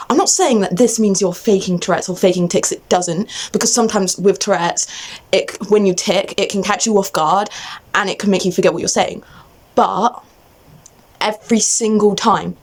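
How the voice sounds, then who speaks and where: A young adult woman in an agitated, exasperated rant to camera, venting off the cuff in a casual way and often cutting herself off. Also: medium pitch. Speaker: vlogger.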